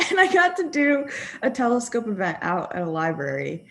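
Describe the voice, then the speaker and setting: A woman tells a funny story with a lively, bouncing voice, laughing between lines and acting out what others said. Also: on the high side, gravelly, slight background noise. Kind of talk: anecdote in interview.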